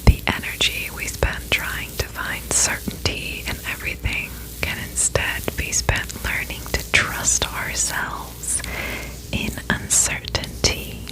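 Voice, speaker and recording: Female ASMR host for a whispered pep talk: gentle, reassuring, unhurried delivery, fully whispered. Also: rough recording. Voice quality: whispering, breathy unvoiced voice. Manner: gentle, reassuring, slow and reflective.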